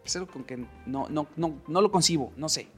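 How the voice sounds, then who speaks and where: A man's voice: on the high side, a little fast, breathy edge, faint music behind. A man from Monterrey, Mexico, with a northern Mexican accent, hosting a casual solo podcast, opinionated and chatty, laughing often and mimicking people. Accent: Monterrey Mexican Spanish. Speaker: podcast host.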